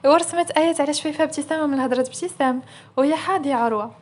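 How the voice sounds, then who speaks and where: A young woman with a Moroccan accent narrating a romance story in a rapid, breathless manner. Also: high-pitched.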